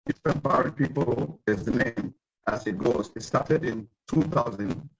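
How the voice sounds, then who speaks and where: A man's voice: mid-range voice, normal speed, slightly rough. Middle-aged man on a glitchy, crackly call. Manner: hesitant, restarts phrases, apologetic about the tech. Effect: glitchy, crackly call audio that breaks up. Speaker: nonprofit director, panel speaker. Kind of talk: unscripted remarks on an online roundtable. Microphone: video call. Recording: dull, lo-fi, breaking-up online call.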